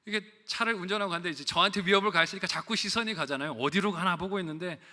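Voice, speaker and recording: A middle-aged man preaches a sermon in a church, his voice bright and sitting a bit high. He carries his point through a personal story, breaking it up with questions to the congregation. Long reverb trails after each phrase. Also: very fast. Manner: storytelling with quoted asides, rhetorical questions. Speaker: pastor. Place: church sanctuary.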